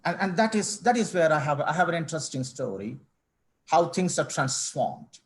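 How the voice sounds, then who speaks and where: On an online panel interview held by video call, the guest is a middle-aged managing director from Kerala, India. He speaks a little high and in a sing-song way, keeping a measured, formal tone despite many restarts.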